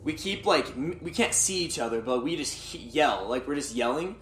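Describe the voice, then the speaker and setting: A man's voice: mid-range voice, lively intonation, moderate pace, fairly bright tone. A young man casually telling a personal story to his viewers, rambling and filling his speech with "like". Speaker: vlogger. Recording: roomy echo.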